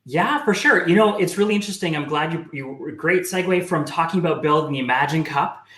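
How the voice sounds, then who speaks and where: A man's voice: fairly high pitch, animated, brisk, fairly bright tone. A man co-hosting a live show, talking in a chatty, encouraging way with lots of fillers and restarts. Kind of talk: casual live-show chat. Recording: echoey room.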